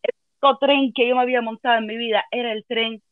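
A woman's voice: a little high, fairly even intonation, fast, no echo, phone-quality sound. A woman with a Cuban accent telling a funny personal story in a dramatic, self-mocking way. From Cuba. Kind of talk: comic storytelling chat.

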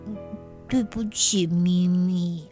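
A timid little storybook cat played by a woman, soft and hesitant. The words come very slowly and haltingly over music. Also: fairly low pitch, steady tone, pitched below the performer's own voice. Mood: sheepish.

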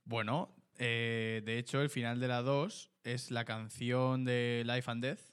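A man with a Spanish accent co-hosting a casual podcast, talking in excitable, rambling bursts. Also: mid-range voice, takes it slowly, smooth. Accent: Spanish from Spain. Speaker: podcast co-host. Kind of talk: casual chat.

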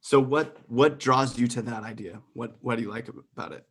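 A man's voice: medium pitch, fairly quick, vocal fry, fairly bright tone, husky. A man hosting a podcast, asking curious questions in casual interview chat with short encouraging hmms. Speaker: podcast host.

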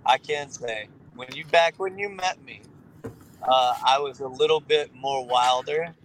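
A sociable man speaks with a faint Louisiana Southern accent at a middling pitch. He chats casually as a podcast guest in a laid-back manner, with light noise humming behind him. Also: unhurried, a bit bright, low-quality recording. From Louisiana, United States. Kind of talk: casual chat.

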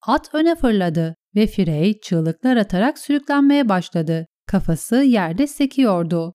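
Brief: woman audiobook narrator, mellow dark tone, dry close sound, steady. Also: medium pitch, no echo. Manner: steady storytelling.

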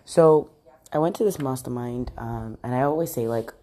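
A woman's voice: a bass voice, normal speed, mellow, a little hiss or hum. A woman hosting a motivational podcast from a large bathroom, upbeat and repetitive with lots of fillers, sounding groggy with a morning voice from a slight cold. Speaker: podcast host.

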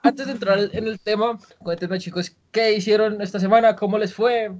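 A man hosting a casual podcast chat, quick and chatty, asking his guests lots of questions. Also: high-pitched, steady tone, lo-fi sound, a loud crowd. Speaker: podcast host.

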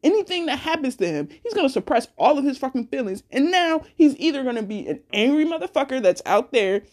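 Animated, blunt woman podcasting solo. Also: a little high. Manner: blunt, heavy cursing, animated storytelling. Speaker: podcast host. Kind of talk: casual solo podcast monologue.

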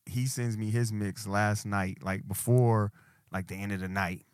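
A man's voice: fairly low pitch, steady tone, a little slow, smooth, no echo, clean studio sound. A middle-aged man co-hosting a podcast, telling stories in casual chat full of slang and quoted friends. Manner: laid-back storytelling with slang, quoting friends. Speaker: podcast co-host.

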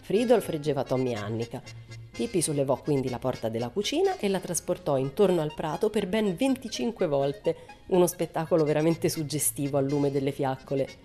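A woman narrating a children's audiobook in a calm, expressive storytelling manner. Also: sits low, fairly quick, faint music behind.

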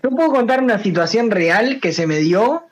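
Un hombre de San José, Uruguay, con acento uruguayo, invitado de una charla, que cuenta anécdotas de forma relajada y con mucha jerga. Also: male voice, sits high, moderate pace. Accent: Uruguayan Spanish. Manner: relaxed storyteller, slangy, repeats phrases. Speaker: guest, singer and streamer. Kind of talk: casual chat, telling anecdotes.

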